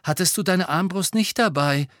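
A man's voice: high-pitched, moderate pace, fairly bright tone, no echo, voice pushed up. Guy voicing a nervous smart teen girl, asks hesitant questions, dry close sound. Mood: anxious questioning. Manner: timid, questioning. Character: anxious clever teenage schoolgirl.

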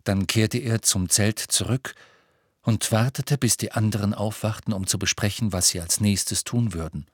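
A man narrating an audiobook with steady, measured storytelling. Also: fairly low pitch, husky, no room sound, clean studio sound. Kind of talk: scripted narration.

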